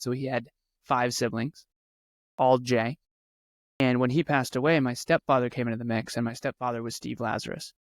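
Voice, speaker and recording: A man's voice: mid-range voice, no echo, clean studio sound. A man, telling his life story as a podcast guest in an earnest way and repeating words for emphasis. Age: 30s. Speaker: podcast guest, speaker and coach. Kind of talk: conversational interview storytelling.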